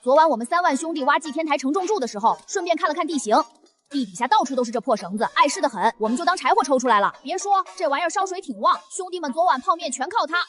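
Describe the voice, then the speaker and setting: A voice actor doing a brisk, calculating young brother. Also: high-pitched, animated, a bit bright. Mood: mocking. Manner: crisp, matter-of-fact, number-crunching. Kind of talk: motion comic voice acting.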